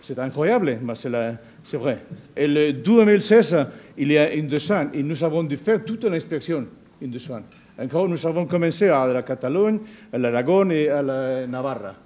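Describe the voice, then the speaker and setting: A non-native speaker from Spain with a Spanish accent, this man gives a conference presentation as a researcher, halting and searching for words in foreign-accented speech. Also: a little high, animated, a little mellow. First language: not a native French speaker. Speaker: university researcher giving a presentation.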